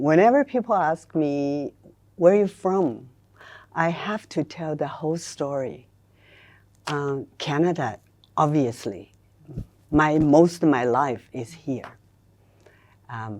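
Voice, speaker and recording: An older woman with a very low, mellow voice speaks slowly as a guest. She explains traditions carefully, in a storytelling way. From China and Taiwan. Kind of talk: conversational interview.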